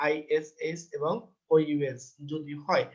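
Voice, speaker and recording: A man teaching English grammar in a test-prep lecture. He asks himself questions and answers them, and he reads the English rules out slowly before explaining them. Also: a little high, fairly even intonation, dull audio.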